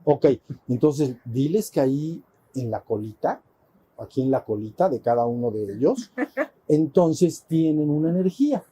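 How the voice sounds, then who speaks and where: A man's voice: on the high side, expressive, moderate pace, warm tone, slight background noise. A man, a spiritual teacher telling a playful, colloquial story to a retreat group.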